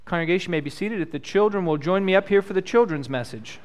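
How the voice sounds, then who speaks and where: Clear-voiced pastor in his thirties. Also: high voice, lively intonation, fast. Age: 30s. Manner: gentle, asks children simple questions. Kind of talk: prayer and children's message. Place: church.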